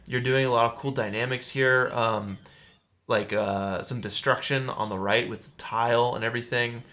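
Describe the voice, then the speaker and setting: A man's voice: medium pitch, moderate pace. A young man hosting a livestream interview over a headset, talking casually and with lots of eager praise. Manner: energetic, effusive, casual slang. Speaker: livestream host. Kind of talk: casual enthusiastic interview chat. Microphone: headset on video call.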